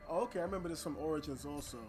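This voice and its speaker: A man's voice: fairly high pitch, rapid-fire. A man giving casual, slangy let's play commentary as he plays a video game. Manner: laid-back, slangy. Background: game music.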